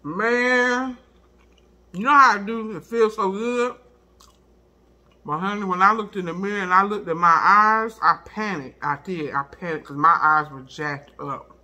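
A middle-aged woman chats casually while eating, chewing as she talks, in an expressive, folksy way with emphatic repetition. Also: medium pitch, a little slow. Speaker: mukbang video host.

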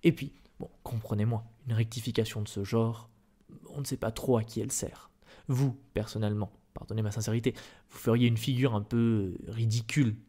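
A man voicing a placid, oily newspaper director who hems and hedges, in a soft-spoken ASMR reading. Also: on the low side, lightly acted. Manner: oily, hesitant with ums. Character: smooth, placid middle-aged male newspaper director, unctuous.

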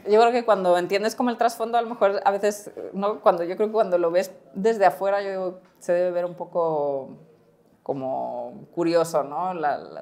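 A woman from Spain speaks in a lowish voice with a Spanish accent picked up with Mexican expressions. She talks casually as a startup founder in an interview, circling her points with fillers and "you know?" tags. Her speech runs loose and conversational. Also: darkish tone. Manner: rambling, frequent fillers and tag questions. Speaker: startup cofounder guest.

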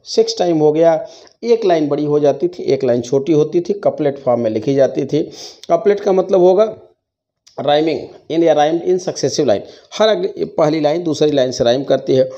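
In a dull, lo-fi classroom recording, a man lectures on English literature in a fairly high, warm voice with lively intonation. He blends Hindi with English, poses questions and answers them himself, and dictates slowly, repeating the key phrases.

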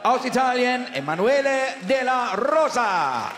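A man working as a boxing ring announcer, ceremonious and booming, drawing out names as he projects to the arena. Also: very animated, unhurried. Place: large indoor boxing arena. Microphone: announcer microphone over arena PA. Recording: echoey arena PA with loud crowd noise.

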